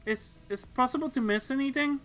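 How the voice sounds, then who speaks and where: A woman's voice: on the high side, moderate pace, fairly bright tone, soft background music, voice pushed up, lightly acted. A reader voicing a timid young woman rookie pilot who speaks meekly and stammers, in an audiobook story. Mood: nervous. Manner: meek, hesitant, stammering.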